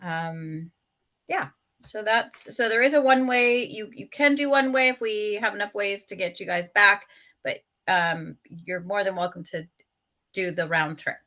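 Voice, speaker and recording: A woman's voice: mid-range voice, measured pace. A woman co-organizing a fan trip, giving casual updates on a video call. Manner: relaxed, loose with fillers. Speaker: event co-organizer.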